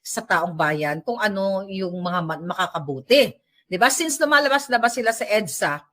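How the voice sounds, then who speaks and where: A woman's voice: mid-range voice, expressive, moderate pace, pushed and bright. A woman giving casual, sarcastic vlog commentary at home, ranting animatedly and mixing in English. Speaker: political vlogger. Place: at home while tidying up.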